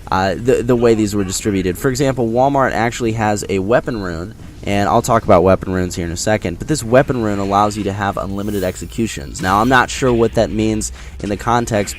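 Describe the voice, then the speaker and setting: A man with a voice on the low side gives casual, unscripted impressions of a video game over gameplay. He explains things directly to viewers in a conversational way, with slight background noise.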